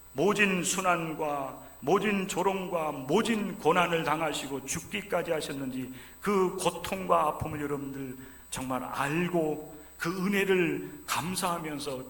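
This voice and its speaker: A man preaching a sermon as pastor during a church service, swinging from loud fervent pleading down to hushed, low lines. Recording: echoey church sanctuary.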